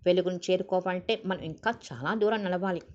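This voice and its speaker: A woman voicing a calm, tender young man who speaks softly and briefly, on a dull lo-fi recording. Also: lowish voice, fairly quick, lightly acted. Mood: soothing. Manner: soft, brief, reassuring.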